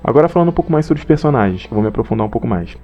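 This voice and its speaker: A man's voice: medium pitch, lively intonation, racing, highs cut off, faint music behind. A young man with a Brazilian accent, giving a casual, slangy, rambling opinion monologue on an anime and partly reading from notes. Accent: Brazilian Portuguese. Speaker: anime commentator.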